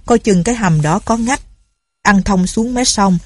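A woman's voice: mid-range voice, a little slow, dry recording, natural voice. A woman voicing a blustering male village police sergeant who barks orders. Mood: gruff. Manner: gruff, barking orders.

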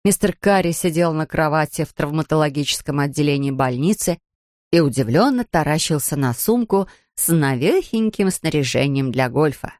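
Low-voiced woman reading a storybook. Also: expressive, moderate pace, a little mellow, no room sound, clean studio sound.

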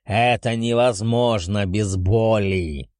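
Guy doing a big old dragon spirit, gruff and rumbly, drags every word out, low voice, dry close mic. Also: a little mellow, dry recording. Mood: commanding. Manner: slow, growling, booming. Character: ancient proud male dragon spirit, gruff. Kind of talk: audiobook character voice.

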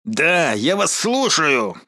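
A man doing a hoarse pompous general. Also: a little high, very animated, slow pace, pushed and bright, no room sound, clean studio sound, pitched above the performer's own voice, exaggerated voice. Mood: flustered. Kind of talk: audiobook character voice.

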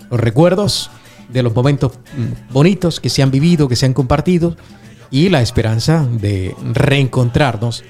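A man's voice: mid-range voice, a little mellow. Male radio host over a music bed. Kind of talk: morning radio show presenting and news monologue. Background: Latin music bed.

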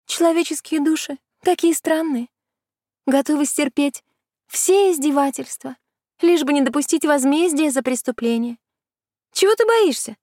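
A woman's voice: sits high, moderate pace, darkish tone, no echo, clean studio sound, voice pushed up, natural voice. A woman voicing a smug, mocking witch in an audiobook. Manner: sneering, condescending. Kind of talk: audiobook reading.

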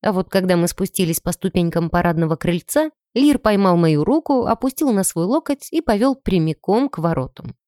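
Expressive woman narrating an audiobook. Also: fairly low pitch, brisk, few pauses, no echo, clean studio sound. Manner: expressive, lively storytelling. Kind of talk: first-person audiobook narration.

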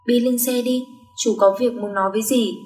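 A woman's voice: on the high side, steady tone, brisk, darkish tone, a little hiss or hum, close to an everyday voice. A woman voicing a cold, proud rich young man who is a company chairman, speaking curtly. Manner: curt and commanding. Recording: roomy echo.

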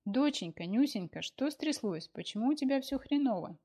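A woman's voice: fairly high pitch, lively intonation, moderate pace, mellow, slightly rough, voice pushed up. A woman voicing a fussy, talkative older mother who pours out anxious questions, in an audiobook. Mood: gossipy. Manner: breathless stream of anxious questions. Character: fussy chattering older mother, clucking and doting. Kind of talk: audiobook character voice.

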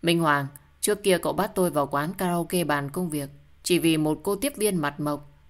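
A woman's voice: low-pitched, moderate pace, close to an everyday voice. A woman voicing a joking male best friend who teases and exclaims in surprise. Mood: teasing.

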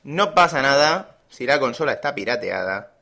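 A man with an accent from Spain co-hosting a gaming podcast, telling stories in an animated, blunt and frank way. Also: mid-range voice, normal speed. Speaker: podcast co-host. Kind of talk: casual podcast chat.

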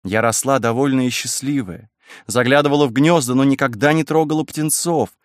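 A man voicing a wild, passionate young woman, raising his voice to sound higher and speaking with a pleading, impassioned manner in a dry room. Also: fairly quick, dry recording, natural voice. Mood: gently coaxing.

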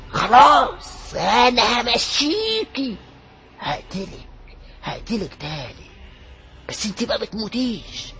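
A man voicing a terrified young man in an Egyptian accent, pleading and cursing at a ghost in a frantic, shrill voice. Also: pushed and bright, slight background noise, full character voice. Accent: Egyptian Arabic.

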